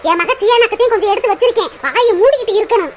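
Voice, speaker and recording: A woman voicing a young relative in a cartoon, briskly explaining and dismissing the grandfather. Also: very high-pitched, animated. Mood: dismissive. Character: brisk young family members sending grandpa off. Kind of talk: cartoon voice acting. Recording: loud background noise.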